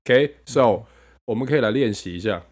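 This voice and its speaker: A man's voice: mid-range voice, animated, moderate pace, husky. A man in a casual chat, switching between Mandarin and English and playfully demonstrating pronunciation. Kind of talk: casual bilingual chat teaching accents.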